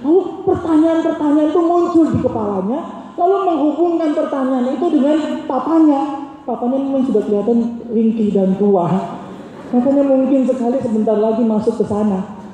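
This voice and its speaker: A man's voice: very high voice, fairly quick. Joking male preacher in an echoey hall. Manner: animated and humorous, addresses listeners as saudara. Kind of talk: sermon. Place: university worship hall. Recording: echoey hall, distant mic, faint noise.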